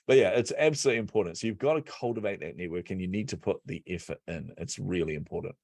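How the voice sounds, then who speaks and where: A man telling stories as a podcast guest and business coach, energetic and laughing often. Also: sits low, fast, vocal fry, no echo. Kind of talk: casual interview chat.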